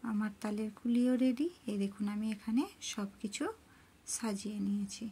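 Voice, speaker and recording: A middle-aged woman narrating her cooking and home worship step by step in a soft, homely way. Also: medium pitch, steady tone, normal speed, husky. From rural Bengal. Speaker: cooking and devotional vlogger.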